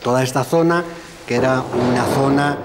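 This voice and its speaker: A man's voice: mid-range voice, normal speed, a little hiss or hum. A man with an accent from Spain explains a place informally as a guide, checking in with short tag questions. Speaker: local guide. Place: speaking on site at a cloister.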